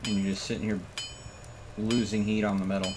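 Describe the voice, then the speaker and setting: A live streamer with a lowish, level voice mutters to himself while he plays, offering casual commentary at a fairly quick pace. The background is clearly noisy.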